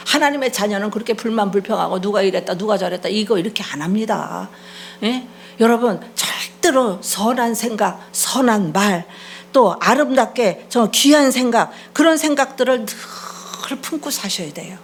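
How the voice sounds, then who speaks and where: A woman's voice: medium pitch, lively intonation, normal speed, slight background noise. A middle-aged woman pastor preaching a sermon, scolding and prodding the congregation for replies. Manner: acts out quoted voices mid-sermon.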